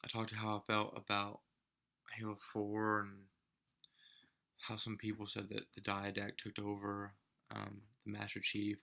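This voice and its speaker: A man's voice: fairly low pitch, vocal fry, pushed and bright. A young man talking casually to camera as a vlogger, rambling with some mock-grand theatrical turns.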